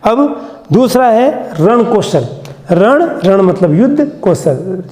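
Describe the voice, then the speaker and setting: A man teaching pupils a lesson, asking questions and sounding out words slowly syllable by syllable. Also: high voice, big pitch swings, a little mellow, echoey room, in a large hall. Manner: slow, syllable-by-syllable pronunciation drills; asks questions and repeats the answer. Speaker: school teacher.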